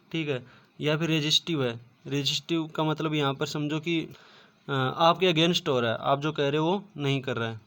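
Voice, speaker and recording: A man's voice: fairly high pitch, fairly bright tone. A man teaching an online class, explaining step by step and often repeating filler words. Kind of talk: online lecture.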